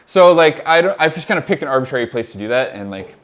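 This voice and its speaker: Talking fast in a mid-range voice, this audio mentor, a young man with a Californian accent, shows off audio software on a live stream. He's casual and excitedly rambling, laughing often and saying "like" a lot.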